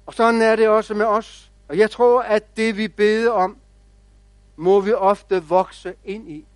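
Higher-voiced man preaching a sermon. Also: steady tone, no echo. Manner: measured storytelling, quiet reflective pauses. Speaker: pastor.

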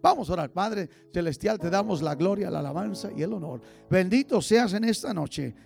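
Fervent gravelly high-voiced pastor. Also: male voice, animated, normal speed, soft background music. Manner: fervent preaching, swings from quiet asides to shouted exhortation. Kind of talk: bilingual Christmas sermon.

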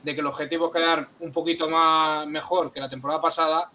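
Man with a bright voice and a faint hiss. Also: on the high side, flat delivery, fast. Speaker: panelist. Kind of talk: football debate.

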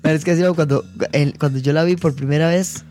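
A man with a Costa Rican accent, a podcast guest telling relaxed, reflective anecdotes with casual swearing. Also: fairly high pitch, fast. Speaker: guest, actor and musician. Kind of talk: casual chat.

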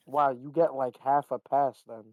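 A young man co-hosts a casual podcast and bluntly mocks his friends, peppering his talk with "bro" and "like". His voice sits in a middle pitch. It is recorded close and dry, with no room sound. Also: little pitch movement, normal speed, no echo, narrow, tinny audio. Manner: blunt, mocking, says "bro" and "like". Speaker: podcast co-host.

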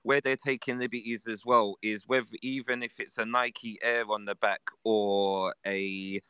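A man joining a casual panel discussion, emphatic and quick to agree. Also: on the low side, flat delivery, bright, forceful tone, smooth, no echo.

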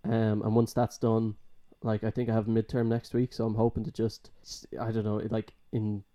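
Rambling young man, dark mellow voice. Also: on the low side, monotone, moderate pace. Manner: rambling, filler-heavy, trails off quietly. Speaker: college student. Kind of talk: casual chat.

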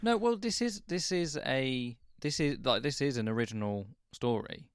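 A man's voice: mid-range voice, expressive, normal speed, smooth, dry recording, studio quality. A man co-hosting a casual film chat, thoughtful and hesitant, often restarting his sentences. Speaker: film podcast co-host.

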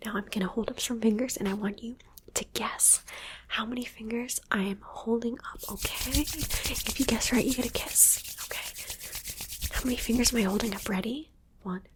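A woman whispering softly into a close microphone, coaxing and praising the listener through an ASMR guessing game. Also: a little high, poor audio. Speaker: ASMR creator. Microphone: close sensitive microphone.

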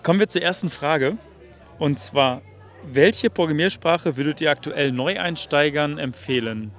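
A man conducts casual interviews outdoors at a summer party. He talks in a relaxed, loose way, full of fillers. Faint music drifts in the background. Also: on the high side, a little slow. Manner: relaxed, filler-heavy questioning.

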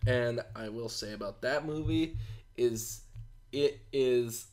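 A man co-hosting a podcast in loose, casual chat. He rambles with enthusiasm and laughs often. His voice sits in an ordinary middle pitch. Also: slow pace, darkish tone. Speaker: podcast co-host.

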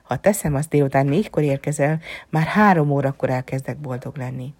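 A woman's voice: extremely low pitch, no room sound. Woman voicing a wistful whispering fox. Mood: musing. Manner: soft, musing, often dropping to a whisper. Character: gentle wistful male fox, lonely and wise. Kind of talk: storybook reading.

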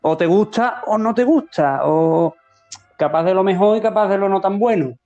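A man's voice: high voice, normal speed, a little mellow, lo-fi sound, soft background music. A man, a guest in a casual talk, stating opinions emphatically and repeating his point. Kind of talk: casual chat.

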